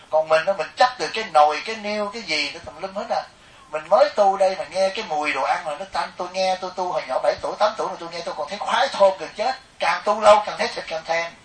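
A middle-aged man with a Southern Vietnamese accent, a Buddhist monk telling animated, joking stories in a sermon to a live audience. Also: fairly high pitch. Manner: animated, jokey, acts out quoted people. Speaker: Buddhist monk giving a dharma talk. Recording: echoey hall, mic at a distance.

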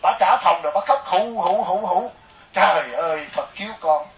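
A middle-aged man with a Southern Vietnamese accent, a Buddhist monk telling animated, joking stories in a sermon to a live audience. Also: sits high, brisk, gravelly. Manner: animated, jokey, acts out quoted people. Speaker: Buddhist monk giving a dharma talk. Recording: echoey hall, mic at a distance.

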